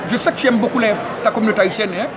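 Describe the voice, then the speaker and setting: Excitable man interviewer. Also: high-pitched, very fast. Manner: excitable, tags nearly every phrase with "hein?". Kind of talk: casual community media interview. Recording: noisy crowded public event. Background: crowd chatter.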